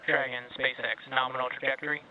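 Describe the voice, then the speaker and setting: A man's voice: medium pitch, little pitch movement, brisk, highs cut off. A male flight controller making terse, clipped callouts over a crackly, distant mission radio loop.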